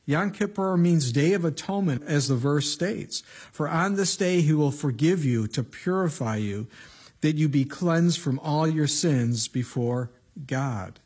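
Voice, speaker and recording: A man's voice: fairly high pitch, expressive, measured pace, darkish tone, slightly rough. A male pastor giving an evening Bible-teaching sermon into a pulpit microphone, preaching in a conversational, plain-spoken way with emphatic asides.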